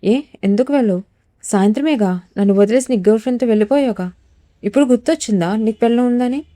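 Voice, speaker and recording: A woman's voice: fairly high pitch, quick pace, warm tone, no echo, natural voice. A woman voicing a heartbroken, defiant young wife in a storybook reading, tearful and reproachful.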